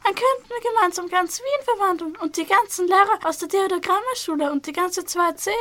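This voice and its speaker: An eager fantasy researcher, played by a teenage girl, questions her guest in a very high, bright voice. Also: a little fast. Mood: dismayed. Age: teens.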